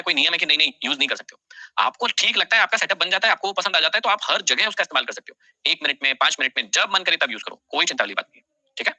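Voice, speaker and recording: A man running a live online class, talking fast with a bright, forceful edge. He repeats key phrases for dictation and addresses students by name. The sound is dry and close, with mouse clicks now and then. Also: sits high, no room sound. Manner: scolds then reassures students directly. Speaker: teacher.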